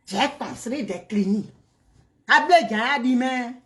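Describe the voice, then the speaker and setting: High-pitched woman, heated mocking vlog rant with sharp loud-to-quiet swings. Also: lively intonation, unhurried. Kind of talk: heated direct-to-camera rant.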